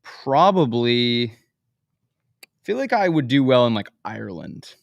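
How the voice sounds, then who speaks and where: A man's voice: mid-range voice, very animated, takes it slowly, vocal fry, no echo, lo-fi sound. Laid-back young man hosting. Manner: laid-back, laughs easily, lots of fillers. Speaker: host. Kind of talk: casual chat.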